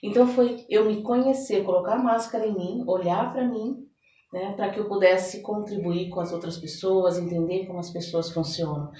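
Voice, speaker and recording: Speaking at a moderate pace in a warm, medium-pitched voice with fairly even intonation, this São Paulo woman shares personal stories as a mentor guest on a podcast. She chats easily and frequently adds small tag questions. The room echoes and the mic sounds far away.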